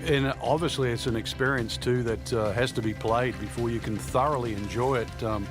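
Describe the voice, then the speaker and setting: A man's voice: medium pitch, steady tone, moderate pace, natural voice. Man acting as easygoing golf commentator over music. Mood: admiring. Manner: hesitant, conversational analysis with many ums. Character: easygoing male golf analyst giving course advice. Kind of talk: conversational golf commentary for a video game broadcast. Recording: music behind voice.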